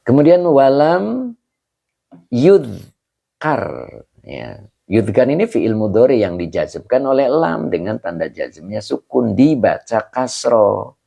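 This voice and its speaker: A man's voice: mid-range voice, very animated, slow, creaky, long pauses, dark tone. A man teaching an online Arabic grammar lesson as a religious teacher, patiently explaining and answering students by name over a video call.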